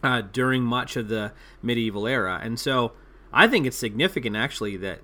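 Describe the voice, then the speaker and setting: Bright-voiced man explaining theology. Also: medium pitch, expressive. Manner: thoughtful, halting explanations with many fillers. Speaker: panelist. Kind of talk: theological panel discussion.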